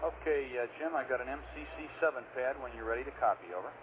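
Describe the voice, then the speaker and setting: Give me a man on a radio link, a mission control communicator reading numbers slowly and deliberately. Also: medium pitch. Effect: heard over a radio link. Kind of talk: radio air-to-ground exchange. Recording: tinny radio transmission with faint noise.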